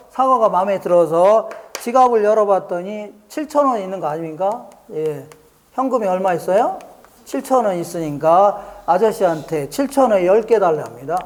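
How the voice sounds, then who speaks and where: A man's voice: sits high, darkish tone. A man giving an exam prep lecture, often asking his students questions and acting out small market scenes. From Korea. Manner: keeps asking the class questions; acts out market scenes in a dialogue.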